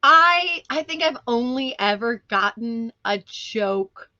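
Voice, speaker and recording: A woman's voice: fairly high pitch, lively intonation, slow pace, sharp tone, dry recording, muffled recording. A woman co-hosting a casual podcast, chatty and giggly, poking fun at herself. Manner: chatty, giggly, self-deprecating. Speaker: podcast co-host. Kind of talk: casual chat.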